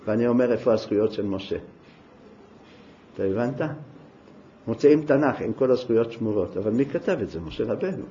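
A man giving a storytelling sermon, dramatic and swinging from hushed tones to shouting. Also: medium pitch, lively intonation, slight background noise. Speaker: preacher. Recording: dull lo-fi recording.

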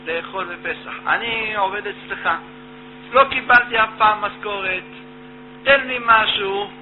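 גבר מגלם תלמיד חכם עני וצנוע המתחנן בכנות, בקול מעט גבוה ונרגש. ההקלטה נשמעת כמו קו טלפון צר, עם זמזום חשמל חזק. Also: male voice, sits high, voice pushed up, natural voice. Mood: pleading. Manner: earnest pleading. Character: poor devout Torah scholar, humble pleading husband. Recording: tinny phone-like line with mains hum.

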